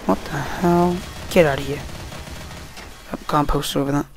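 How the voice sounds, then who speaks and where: A man's voice: a little high, fairly even intonation, normal speed, a little hiss or hum. Tired young man rambling over gameplay. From Wales. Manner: rambling, easily distracted, swears at the game. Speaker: gameplay commentator. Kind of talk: casual gameplay commentary.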